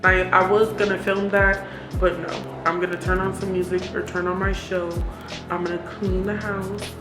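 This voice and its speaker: A woman's voice: mid-range voice, little pitch movement, moderate pace. A woman vlogger chatting casually and confessionally, candid and reflective, talking herself into encouragement. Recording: roomy echo with music behind.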